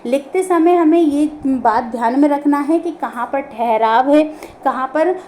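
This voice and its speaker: A woman with a high voice gives an online grammar lesson. She works through each point step by step, asking a question and then answering it herself. There is faint ambient noise in the room behind her. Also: unhurried, a little mellow. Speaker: teacher.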